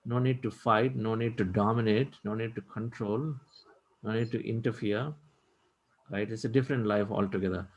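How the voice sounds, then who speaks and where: A man's voice: on the low side, steady tone, moderate pace, darkish tone, husky, poor audio. A middle-aged man hosting an online meditation session, speaking reflectively and encouragingly with loose, repetitive phrasing. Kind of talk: spiritual talk and hosting.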